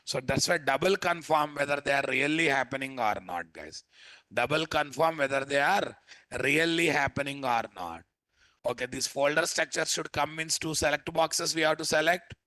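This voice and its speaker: Man, Telugu Indian accent, software instructor, bright forceful voice, dry close sound, informal, question-led teaching. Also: fairly high pitch, normal speed, dry recording. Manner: asks rhetorical questions, addresses learners informally. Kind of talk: live step-by-step software tutorial.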